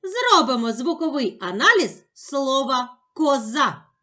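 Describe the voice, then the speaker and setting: Slow, sing-song woman teacher. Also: high-pitched, big pitch swings, sharp tone. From Ukraine. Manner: sing-song, exaggerated emphasis on sounds and syllables. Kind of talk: slow, clearly enunciated lesson for young children.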